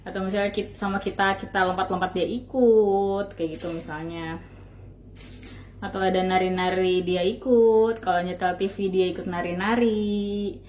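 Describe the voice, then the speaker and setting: A woman from Indonesia talks through child development exercises in a loose, chatty way and often acts out little examples. Her pitch is in the middle, and there is a faint hiss of noise behind her voice. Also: fairly even intonation, normal speed, darkish tone. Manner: chatty, loose explaining with fillers and acted-out examples. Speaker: parenting channel host. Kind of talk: casual instructional talk.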